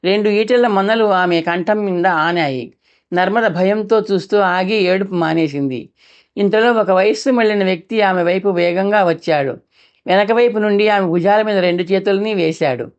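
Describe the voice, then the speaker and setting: A woman narrating a novel as an audiobook reader, steady storytelling with small restarts. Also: medium pitch, moderate pace, muffled recording.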